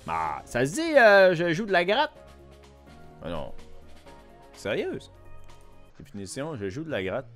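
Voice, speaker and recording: A man's voice: fairly high pitch, huge pitch swings, measured pace, pauses often, a bit bright, faint music behind. A young man with a Québécois accent, chatting casually and teasing his viewers while streaming a quiz game, laughing often. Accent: Québécois French. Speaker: Twitch streamer. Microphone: desk microphone.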